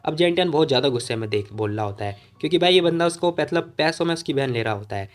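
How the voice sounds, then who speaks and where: A man's voice: on the high side, expressive, fast. A man narrating a comic story recap in a chatty, informal voice-over, talking to the listener like a friend.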